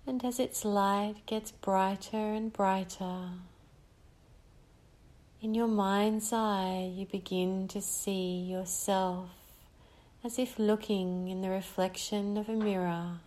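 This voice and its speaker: A woman leading a guided breathing meditation, speaking in a slow, soothing way with long pauses between phrases. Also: medium pitch, steady tone, darkish tone.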